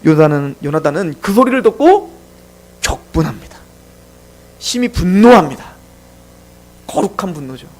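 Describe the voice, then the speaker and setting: A man's voice: on the high side, big pitch swings, moderate pace, pauses often. A man preaching a sermon as pastor in a church, telling the story dramatically and acting out the scenes.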